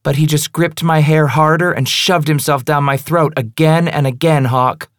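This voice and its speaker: A man's voice: a little high, fairly even intonation, normal speed, no echo, clean studio sound, voice pushed up, natural voice. A man voicing a taunting young woman. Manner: taunting, teasing. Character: mocking young woman, cutting and provocative.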